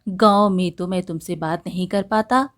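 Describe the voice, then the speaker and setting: A woman's voice: on the low side, normal speed, natural voice. A woman doing a sleazy village merchant. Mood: wheedling. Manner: smarmy, wheedling. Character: sleazy middle-aged male village merchant.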